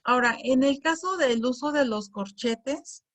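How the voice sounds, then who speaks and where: Slow-speaking woman teacher explaining. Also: high-pitched, fairly bright tone. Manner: patient, repeats words, reads examples aloud with exaggerated intonation. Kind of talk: slow explanatory lesson on punctuation.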